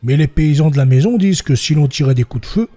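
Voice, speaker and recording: A man narrating historical court testimony for a podcast, voicing the quoted villagers a little higher and stumbling now and then. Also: lively intonation, quick pace, warm tone, soft background music. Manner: reads quoted villagers with raised pitch, slips and restarts.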